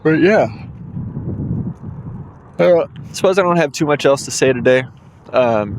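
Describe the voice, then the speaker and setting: Hosting alone, a drowsy man in his 20s rambles casually, saying um a lot and yawning at times. His voice is mid-range, and slight background noise runs under the recording.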